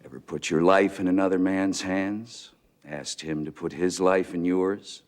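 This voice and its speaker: A hardened military commander from a film drama, speaking in short, clipped, contemptuous questions. His voice sits very low and heavy. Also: fairly even intonation, measured pace. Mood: cold.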